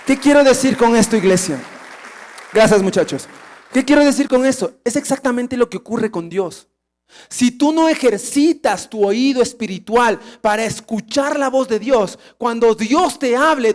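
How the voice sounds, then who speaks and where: A male pastor preaching a sermon, emphatic and animated, often asking the congregation rhetorical questions. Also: very high voice.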